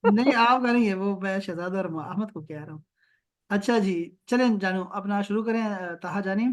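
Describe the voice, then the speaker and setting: A man teaching an Arabic grammar lesson over a video call, encouraging and explaining words slowly, mixing in English. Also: high voice.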